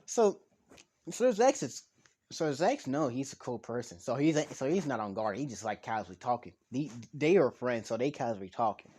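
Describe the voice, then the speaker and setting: A man's voice: mid-range voice, lively intonation, moderate pace, a little mellow, breathy edge. A man telling a fan story in casual talk, rambling with many restarts and fillers.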